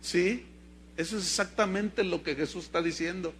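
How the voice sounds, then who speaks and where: A middle-aged pastor with a Mexican Spanish accent preaches a lively sermon and acts out the voices in his stories. His voice sits high for a man and sounds bright and keen. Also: fairly quick, a little hiss or hum. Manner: lively storytelling preacher, acting out dialogue.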